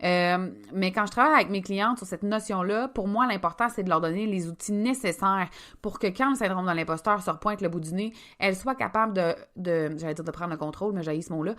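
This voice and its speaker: Québécois woman, podcast host and coach, bright and chatty, emphatic, close mic. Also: medium pitch, brisk. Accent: Québécois French. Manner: chatty, emphatic, addresses listeners directly. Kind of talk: casual podcast monologue.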